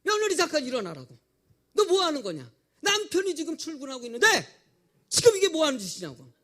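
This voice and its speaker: A man's voice: expressive, normal speed, creaky, exaggerated voice. A man voicing an older churchwoman who fusses over her children and scolds her daughter-in-law. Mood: furious scolding. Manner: shrill scolding, shouted rebukes.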